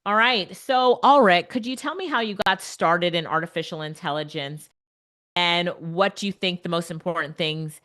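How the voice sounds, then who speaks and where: A woman hosting a live webinar, answering questions in a chatty, animated way. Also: fairly low pitch, moderate pace. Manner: chatty, animated, filler-heavy. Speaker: webinar host. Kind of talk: casual live Q&A.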